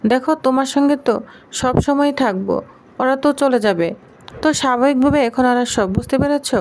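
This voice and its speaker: A cheeky young bride in a serial recap, read out by a woman, bantering and lightly dismissive toward her husband. Her voice sits high and moves quickly. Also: darkish tone, close to an everyday voice.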